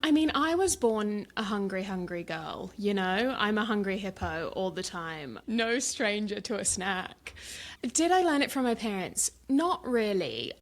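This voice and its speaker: A woman in her thirties with a southern English accent, talking as a guest in a relaxed interview. Her voice has a gravelly, vocal-fry edge, and she is chatty and self-deprecating, laughing easily at herself. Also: medium pitch. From south of England. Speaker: guest, supper club founder. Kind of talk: casual interview chat.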